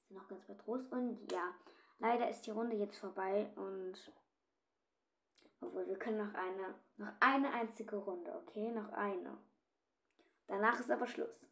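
A woman giving casual gameplay commentary to her viewers, switching between hushed whispers and sudden loud, excited outbursts, often repeating words in bursts. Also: mid-range voice. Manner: repetitive, chatty, addresses viewers as "Leute". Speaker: gamer and video creator.

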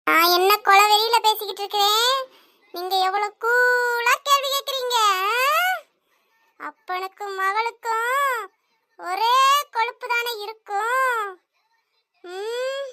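A woman voicing a loud, nagging cartoon mother. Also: extremely high pitch, takes it slowly, pauses often, exaggerated voice. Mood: furious. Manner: shouting, scolding, sarcastic. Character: angry nagging village mother, loud and quick-tempered. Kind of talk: cartoon voice acting.

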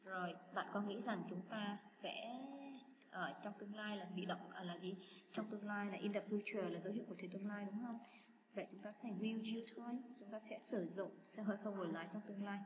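A woman's voice: medium pitch, fairly even intonation, a little fast. A woman teaching English to schoolchildren, patiently walking through exam answers and talking to students in a chatty way. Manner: patient, chatty, addresses students as "các bạn". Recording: echoey room with loud background noise.

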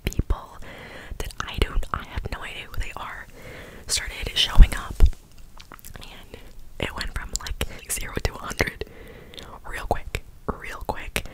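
A woman's voice: measured pace, low-quality recording. A woman in her twenties whispering breathily through cupped hands close to the microphone, telling a casual, rambling ASMR story. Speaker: ASMR video creator. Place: small bedroom, indoors. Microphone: close desktop condenser microphone.

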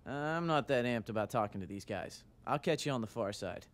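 A man's voice: medium pitch, animated, a little fast, close to an everyday voice. An actor playing a laid-back young male survivor who scavenges, speaking casually in a game.

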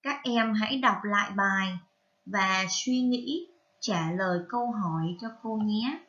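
A woman with a Vietnamese accent teaching a reading lesson to young children, spelling out syllables carefully and prompting them gently. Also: medium pitch, a little slow, dull audio. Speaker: primary school teacher.

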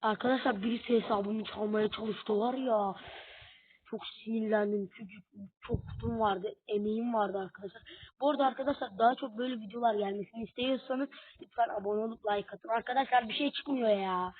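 A young woman gaming YouTuber with a fairly high, slightly rough voice speaks a little fast with fairly even intonation. She gives casual, frustrated, exclaiming commentary while opening game boxes, addressing her viewers directly. The audio is dry and tinny, like a phone.

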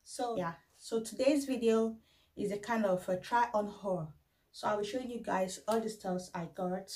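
A woman's voice: mid-range voice, darkish tone, poor audio. A woman in her thirties hosting a casual try-on haul vlog at home, talking unhurriedly with many fillers. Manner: unhurried, halting, with frequent fillers. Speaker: vlogger. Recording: faint background noise.

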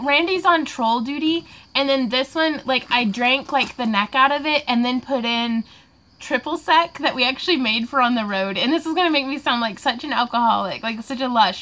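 Her voice fairly high and bright, a craft vlogger in her 20s chats casually on a livestream Q&A while she crafts. She seems a bit tipsy, rambling along in a giggly way and laughing a lot.

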